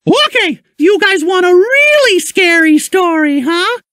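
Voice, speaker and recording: Squeaky, high-pitched cartoon mouse uncle. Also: male voice, expressive, bright, forceful tone, no echo, clean studio sound, heavily acted. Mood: cheerful. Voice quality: squeaky falsetto. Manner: theatrical, drawn-out delivery. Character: cheerful cartoon mouse uncle, theatrical storyteller. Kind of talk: cartoon read-along storybook acting.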